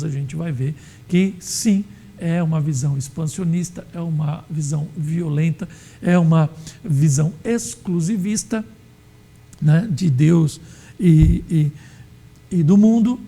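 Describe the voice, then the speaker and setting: A man from Brazil teaching an adult Sunday school Bible lesson, explaining in a measured way with frequent fillers. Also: fairly high pitch, gravelly, mellow, husky.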